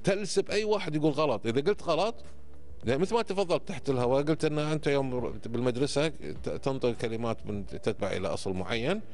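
Expressive and quick-paced, with a medium pitch and darkish tone, a Gulf Arabic speaker from Kuwait in his fifties guests on a podcast. He makes his points emphatically and didactically, frequently asking if he's being followed. An indoor studio with a close boom-arm mic captures him.

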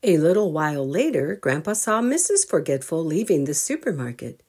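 Her low voice slightly rough, a woman reads a children's storybook at a moderate pace. She addresses young listeners expressively, asking them questions as she goes.

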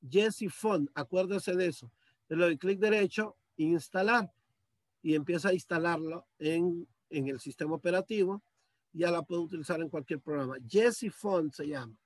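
Patiently and step by step, a male teacher shows students how to complete a computer task by sharing his screen on a video call. He's picked up by a computer mic, his voice sits high, and the recording is dry.

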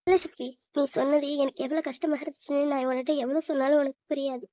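Actress for a hurt young cartoon heroine, fast and high, a dry close sound. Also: female voice, fairly even intonation, mellow, dry recording, natural voice. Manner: plaintive, sulky and hurt. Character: young woman, lovesick and tearful. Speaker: voice actor. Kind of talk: cartoon voice acting.

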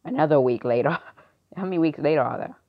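A woman performing an amateur skit, reading the lines in a halting, unpolished way. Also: deep voice, lo-fi sound. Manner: unpolished, halting line delivery. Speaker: skit performer voicing both parts.

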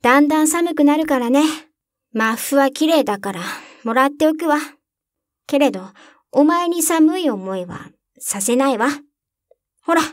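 A woman voicing a bossy robber girl, blunt and tomboyish, quick, dry close sound, storybook. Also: high-pitched, no echo. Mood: gruff.

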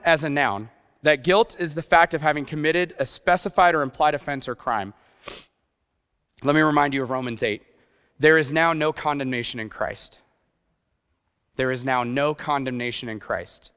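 With a medium-pitched, clean and fairly bright voice, a middle-aged man gives a casual, self-mocking sermon, posing rhetorical questions along the way. He is a guest preacher and youth pastor who grew up partly in Japan, speaking from an indoor church stage in a recording with reverberant hall acoustics.

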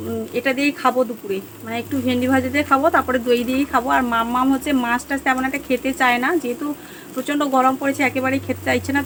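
A woman vlogger with a Bengali accent, chatting casually to viewers at home about her day, rambling with many fillers, her voice a little hoarse. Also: sits high, a bit bright, slight background noise. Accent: Bengali (West Bengal). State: hoarse, throat going. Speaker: vlogger, housewife. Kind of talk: casual vlog chat to viewers.

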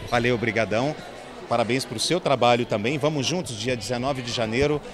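A man, a film producer, giving steady promotional interview answers outdoors at a premiere. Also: mid-range voice, fairly quick, over music. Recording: crowd noise behind.

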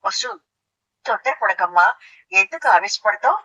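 A woman voicing a calm older mother-in-law who soothes and pleads, protective of her son. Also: mid-range voice, a little slow, slightly rough, dull audio, voice pushed down, full character voice. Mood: soothing.

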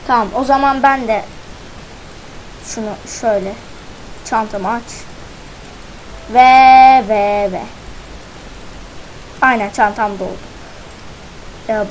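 A woman with a fairly high voice chats her way through a game session in loose let's-play commentary. She talks to herself, counts things off out loud and teases the game with playful slang, over a faint hiss in the background. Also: poor audio. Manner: chatty self-talk, counts aloud, playful slang. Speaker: gaming channel host.

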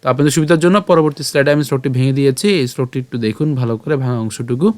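A man teaching a pronunciation lesson, slowly spelling out and chanting Sanskrit verses syllable by syllable. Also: mid-range voice, a little mellow, no echo. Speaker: Gita recitation teacher.

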